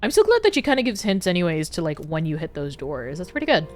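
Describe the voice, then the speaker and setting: A woman's voice: on the low side, wildly swooping pitch, fast talker, darkish tone, faint music behind. Bubbly, giggly young woman streamer. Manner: bubbly, giggly, chatty with viewers. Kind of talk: casual game-stream chat.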